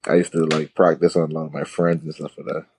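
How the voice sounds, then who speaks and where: A man from the Bahamas, a wedding photographer chatting casually as a podcast guest, relaxed and full of "you know". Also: very deep voice, fast talker, a little hiss or hum. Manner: laid-back, lots of "you know" and "like". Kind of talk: casual interview chat.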